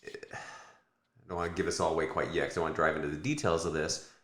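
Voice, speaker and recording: A man's voice: rumbling low, steady tone, fairly quick, a bit bright, echoey room. An American man co-hosting a casual podcast, rambling and correcting himself with lots of fillers. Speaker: podcast co-host.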